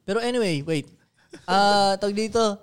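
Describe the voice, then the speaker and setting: A man with a Filipino accent co-hosting a casual podcast chat, talking in animated bursts of banter. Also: high-pitched, moderate pace, clear, resonant tone. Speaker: podcast co-host.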